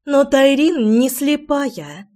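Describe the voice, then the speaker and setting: Sharp-tongued, insistent young sister, pitched high; a woman puts her on in an audiobook. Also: expressive, slow pace.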